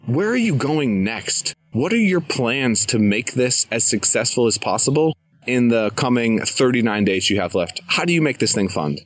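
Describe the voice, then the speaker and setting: A man's voice: medium pitch, big pitch swings, moderate pace, no room sound. A young adult man hosting a podcast interview, enthusiastic and eager to give advice. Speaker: podcast host. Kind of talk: casual interview. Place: living in Thailand, jungle sounds around.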